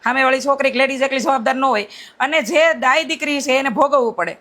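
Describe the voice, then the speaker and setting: Blunt, high-voiced woman. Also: fast. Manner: blunt, forceful, defiant tone; repeats rhetorical "right?" checks. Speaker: vlogger addressing critics. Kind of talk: impassioned direct-to-camera monologue.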